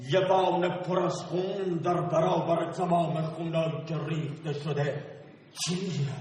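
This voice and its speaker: A man's voice: high-pitched, close to an everyday voice. An actor playing a feverish, paranoid revolutionary man in a bathtub on a theater stage, with a declamatory stage delivery that swings from brooding to outbursts. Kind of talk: stage play performance. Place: theater stage in a large hall. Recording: echoey hall from far off, faint hiss.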